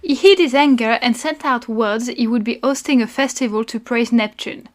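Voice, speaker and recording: High-pitched woman podcast narrator, measured, dry asides. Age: adult parent. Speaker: podcast co-host narrating history. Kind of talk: read-aloud history narration with banter.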